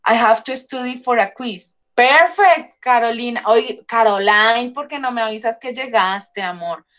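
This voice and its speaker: A woman English teacher running an online class over a video call, warmly calling her pupils sweetheart and love. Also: on the high side, unhurried. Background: pupils joining in on the call.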